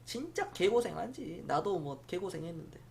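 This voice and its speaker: Middle-aged male live streamer, rambling and chatty, lively up-and-down pitch, talks to viewers. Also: moderate pace, gravelly, slight background noise. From Jeolla province, South Korea. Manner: rambling, chatty, answers viewer comments aloud. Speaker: stock-market live streamer.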